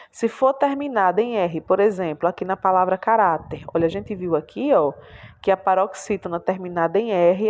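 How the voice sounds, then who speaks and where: A woman's voice: medium pitch, darkish tone. A Brazilian woman teacher explaining a lesson patiently, repeating words aloud and checking in with tag questions. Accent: Brazilian Portuguese. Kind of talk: classroom lesson walkthrough.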